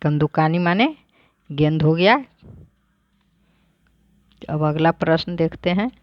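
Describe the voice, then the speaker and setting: A woman teacher who reads each word aloud, then explains it plainly, in a slow, deliberate lesson. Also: deep voice, animated, no echo, lo-fi sound.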